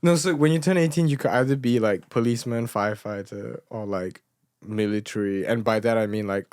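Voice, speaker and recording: A man's voice: lowish voice, fairly quick, darkish tone, clean tone, dry recording, clean studio sound. A young man with a Singaporean accent chats casually and jokily as a podcast guest, informal and self-deprecating, often saying "like". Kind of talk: casual comic chat.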